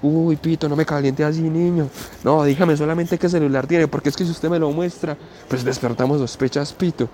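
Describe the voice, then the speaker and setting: A jittery young street robber, as a man puts him on, pressing and pleading at once. His voice sits higher than normal and keeps rising with nerves. Faint noise hums behind him. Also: fairly even intonation, warm tone, close to an everyday voice. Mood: nervous, insistent. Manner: hurried, pleading, repeats a nickname. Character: nervous young male street robber, pushy.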